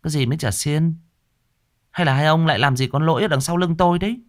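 A man's voice: a little high, voice pushed up, lightly acted. A man doing a bossy scolding young woman. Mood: suspicious. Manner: quick, nagging, raised voice.

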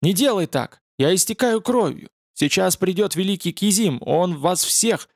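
A man's voice: fairly high pitch, moderate pace, no room sound, studio quality, close to an everyday voice. A man reading an audiobook voices a proud young female demon warrior, haughty and strained by pain. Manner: haughty, then pleading in pain.

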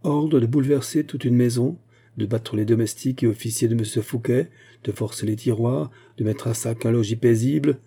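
A man's voice: medium pitch, completely flat delivery, normal speed, mellow, husky, close to an everyday voice. A man voicing an indignant veteran musketeer captain who hammers his words and swears. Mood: furious indignation.

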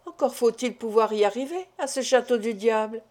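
Fretful timid old doctor, high-ish and pleading, put on by a woman narrator. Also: brisk, a little mellow, lightly acted. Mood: worried. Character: timid, complaining, tired older village doctor, small man.

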